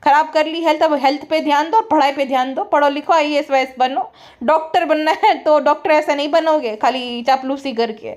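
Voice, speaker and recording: Sarcastic, scolding woman, high voice. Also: brisk. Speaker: commentary vlogger. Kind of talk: sarcastic commentary.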